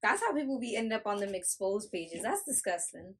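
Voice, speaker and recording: A woman's voice: mid-range voice, big pitch swings, fairly quick, a little hiss or hum. A young woman with a mid-range voice co-hosts a casual podcast. She speaks emphatically and leans on fillers as she talks. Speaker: podcast co-host. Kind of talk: casual chat.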